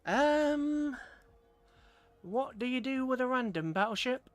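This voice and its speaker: A British man with a very high-pitched, animated voice commentates a strategy game on a livestream at a slow pace. He chats casually with viewers and mutters rambling asides to himself as he plays. The recording is dry, with soft background music.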